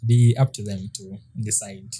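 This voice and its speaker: Podcast co-host, male, 30s, very dark mellow tone, hesitant and halting in casual chat. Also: on the low side, fairly even intonation, a little hiss or hum. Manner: hesitant, with frequent restarts and soft laughs.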